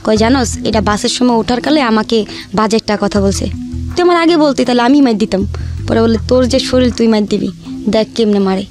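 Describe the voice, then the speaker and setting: Over background music, a young Bangladeshi-accented woman tells her life story in a chatty, colloquial way, re-enacting conversations as she goes. She speaks fairly quickly, with a fairly high pitch.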